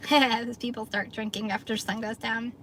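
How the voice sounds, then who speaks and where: A chatty, upbeat middle-aged woman talks casually to her livestream viewers from inside her car, laughing easily between thoughts. Her voice sits a little high for a woman. A faint hiss of background noise runs under the recording. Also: level tone, normal speed, a bit bright. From New York area, US. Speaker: livestream host, gig delivery driver. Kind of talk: casual livestream chat reading viewer comments.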